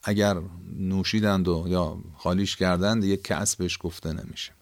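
A man's voice: deep voice, steady tone, dry recording. A man with an Iranian Persian accent giving a conversational, explanatory Quran lesson, rephrasing key points as he teaches. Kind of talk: explanatory lesson on word meanings.

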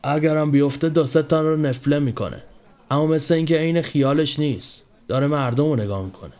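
A man's voice: on the high side, darkish tone, lightly acted. Man doing a grumbling broad young smoker. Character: square-shouldered smoking young man in a crowd.

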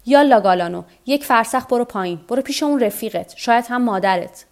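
A woman's voice: medium pitch, lightly acted. A woman reading the part of a weary, stubborn old fisherman who talks to himself. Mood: rueful. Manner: talks to himself, tired and rueful.

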